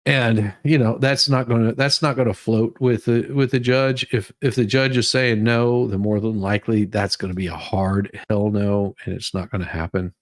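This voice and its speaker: At a normal speed with hardly any pauses, a man with a fairly low, fairly even voice hosts a livestream. He gives a dramatic reading of legal documents, mixing in casual, rambling asides full of repeated words.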